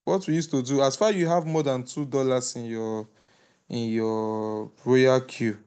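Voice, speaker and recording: A man with a smooth, resonant voice guides the call to a close. He speaks hesitantly, pausing on "uh" and restarting his sentences while he gives earnest advice. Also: medium pitch, fairly even intonation, a little mellow. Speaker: call moderator. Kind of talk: casual group call, closing remarks.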